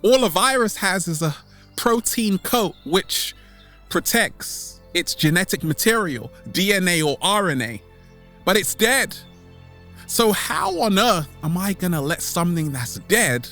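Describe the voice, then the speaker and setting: In a high-pitched, expressive and sharp voice, a man hosting online delivers a motivational monologue to camera. He's theatrical and exclamatory, relying on catchphrases, drawing out words and swooping suddenly, while music plays beneath.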